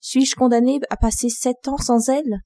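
A woman gives voice to a young king in a fairy tale, proud and stubborn, refusing with indignant defiance. The voice sits fairly high and mellow, very dry and close. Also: steady tone, moderate pace, dry recording. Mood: mournful.

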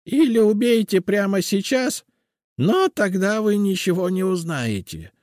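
A man voicing a terrified old female creature who pleads for her life, with a hoarse, shrill voice, in an audiobook. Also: very animated, darkish tone, no room sound, clean studio sound. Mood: pleading. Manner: pleading, desperate, drawn-out.

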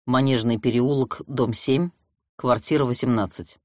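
A narrator voicing a gruff, curt man from the police who calls the heroine with news, read from an audiobook, in a dry, close recording. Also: mid-range voice, fairly even intonation, normal speed, darkish tone, no room sound, pitched below the performer's own voice, close to an everyday voice. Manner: curt, brusque. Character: gruff male police friend on phone.

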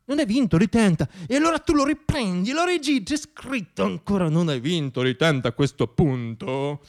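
A man performs a theatrical radio monologue, telling stories wryly and dramatically with deliberate pauses. His voice is high-pitched and animated.

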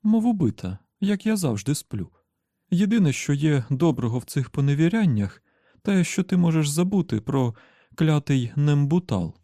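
A man voicing a lively, teasing young woman in an audiobook, with a playful, chatty manner. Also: on the high side, moderate pace, no echo, studio quality, pitched above the performer's own voice. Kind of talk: audiobook character voice.

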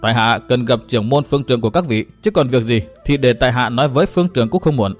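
A man's voice: mid-range voice, rapid-fire, soft background music, natural voice. A man voicing a proud young swordsman who speaks coldly, tersely and formally.

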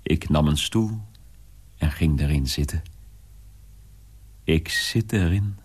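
A man's voice: extremely low pitch, takes it slowly, a little mellow, husky, full character voice. An actor playing a young son in a radio drama, confiding in his mother in a wondering, often whispered way. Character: young man telling his mother of a strange household.

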